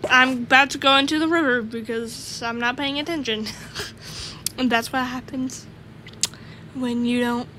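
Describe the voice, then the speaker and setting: A woman's voice: sits high, steady tone, unhurried, long pauses, pushed and bright, slight background noise. A woman giving casual gameplay commentary, rambling as she lists items aloud and giggles often. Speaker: gamer.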